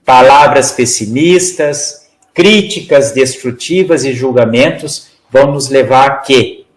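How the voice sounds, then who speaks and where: A man's voice: mid-range voice, takes it slowly, roomy sound, low-quality recording. A man giving a spiritist study talk as lecturer. He explains in a teaching way, often adds "né?", and acts out example phrases. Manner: didactic, acts out example phrases, many "né?" tags.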